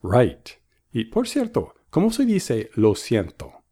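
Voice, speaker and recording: A man's voice: mid-range voice, wildly swooping pitch, takes it slowly, dark tone, slightly rough. A man hosting a bilingual English lesson, patiently modelling phrases and repeating them for practice. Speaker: English teacher and host.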